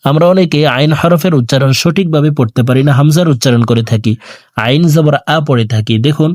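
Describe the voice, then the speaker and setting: A man teaching Quran reading, reciting letters and vowel marks in a slow drill with quick explanations in between. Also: fairly high pitch, a little mellow, no echo. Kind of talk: recorded recitation lesson.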